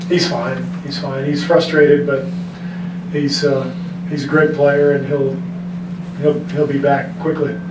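A man in his fifties, a basketball coach answering at a post-game press conference, measured and frank, often restarting his sentences. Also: mid-range voice, flat delivery. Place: press room in front of a team backdrop. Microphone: desk mic on a stand, recorded from the room. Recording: echoey room from far off with background noise.

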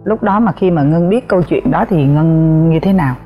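A woman co-hosting a talk show, asking gentle, attentive questions. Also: low-pitched, normal speed. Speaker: co-host. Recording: dull, lo-fi with faint music.

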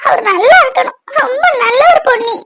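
A woman's voice: very high-pitched, brisk, vocal fry, heavy background noise. A woman voicing a heartbroken young bride in a cartoon, wailing and sobbing as she talks. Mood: tearful. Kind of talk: cartoon voice acting.

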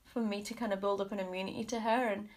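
A woman in her thirties talks fast at a medium pitch, her tone steady and her Australian-accented voice stuffy and congested. As a beauty vlogger at her indoor bedroom vanity lit by mirror lights, she reviews makeup in a chatty, frank way, hedging with "kind of" and "like."

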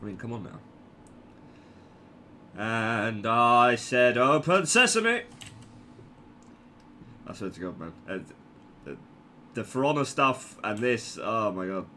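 A man's voice: fairly low pitch, animated, moderate pace, a bit bright, a little hiss or hum. A man casually commenting on his own gameplay, joking and stammering through restarts.

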